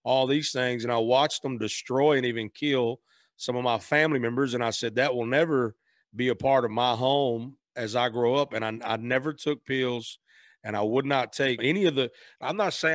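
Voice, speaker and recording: Man guest, earnest and halting, mid-pitched, dry close mic. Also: fairly bright tone, no echo. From Memphis, Tennessee, raised in Arkansas. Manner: earnest, restarts sentences, faith-driven. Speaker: guest, singer. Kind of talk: casual conversation.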